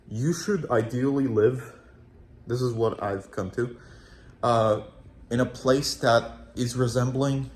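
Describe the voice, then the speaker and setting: A young man from Poland with a slight Polish accent rambles frankly in a vlog-style video journal, swearing casually. His voice is mid-range, and the echoey room carries faint ambience with slight background noise.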